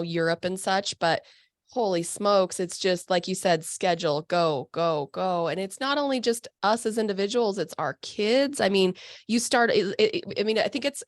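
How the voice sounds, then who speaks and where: A woman with a lowish voice hosts a podcast, chatting casually in an interview format with a bubbly, effusive manner full of exclamations. She is speaking into a video call microphone, yet the recording is dry and of studio quality.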